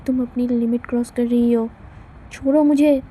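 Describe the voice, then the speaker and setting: A woman's voice: fairly high pitch, steady tone, normal speed, dark tone, slight background noise, close to an everyday voice. A woman voicing a hurt, short-tempered young woman who talks in curt, scolding lines. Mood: irritated.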